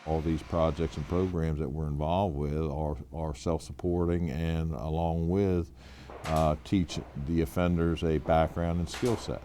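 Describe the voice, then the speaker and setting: A man working as a prison warden, answering interview questions in a halting way with many fillers. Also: a bass voice, steady tone, warm tone, slight background noise.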